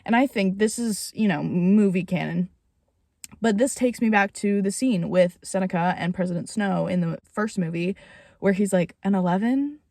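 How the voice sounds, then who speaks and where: A woman giving a casual, rambling reaction to a book she just read, swearing freely and getting excited. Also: medium pitch, moderate pace, gravelly, no echo, studio quality. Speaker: book reviewer.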